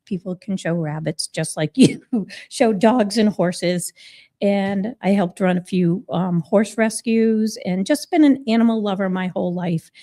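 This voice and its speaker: Friendly woman guest from Massachusetts. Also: medium pitch. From Massachusetts, USA. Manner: warm, friendly, a little halting. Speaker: guest, business owner. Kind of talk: casual interview.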